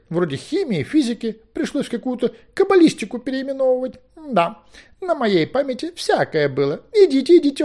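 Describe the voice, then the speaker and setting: A scatterbrained old male wizard, voice jumping way up high and swooping all over, rambly and fussy, stretching his words out. sounds like a storybook reading. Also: darkish tone, heavily acted. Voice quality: high, fluttery, flustered. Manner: rambling, hesitant, with drawn-out words. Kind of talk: audiobook character voice.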